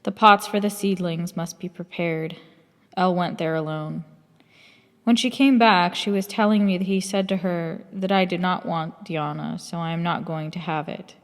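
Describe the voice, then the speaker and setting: A woman reading a first-person memoir aloud in a measured, reflective way. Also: fairly low pitch, fairly even intonation, in a large hall. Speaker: audiobook narrator.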